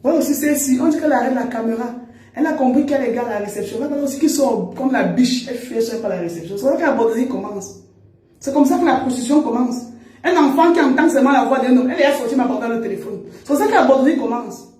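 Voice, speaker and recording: A woman's voice: sits high, quick pace, far from the mic. A woman with a Cameroonian French accent, doing casual gossip commentary on a live stream, teasing and repeating her phrases. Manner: animated, teasing, repeats phrases, laughs often. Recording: roomy sound, voice away from the mic.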